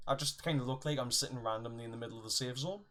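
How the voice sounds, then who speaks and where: A man's voice: medium pitch, very fast, a bit bright. A man with a Northern English accent hosting a casual livestream chat, joking and playful. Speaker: livestream host.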